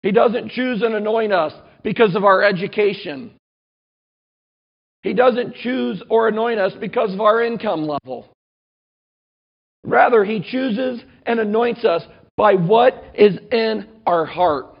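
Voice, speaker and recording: A male pastor giving a sermon and reading scripture aloud, earnest and measured, slowing down to stress key points. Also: high voice, vocal fry, lo-fi sound.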